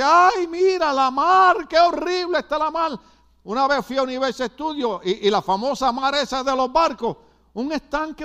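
An older pastor from Puerto Rico, speaking with a Puerto Rican Spanish accent, preaches in a very high, sharp voice. He hammers points through repetition and throws in asides to the congregation.

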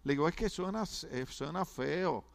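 A male pastor preaches in a fairly high voice. He talks to his congregation casually, joking and stumbling over his words before pushing on. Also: animated, normal speed, creaky. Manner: conversational, humorous preaching with stammered restarts. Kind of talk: sermon.

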